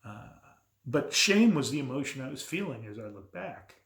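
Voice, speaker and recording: A man's voice: mid-range voice, very animated, normal speed, a bit bright. Blunt middle-aged man in an echoey room. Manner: candid and blunt, with frequent restarts. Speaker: men's coach and vlogger. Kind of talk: casual reflective monologue to camera. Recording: roomy echo.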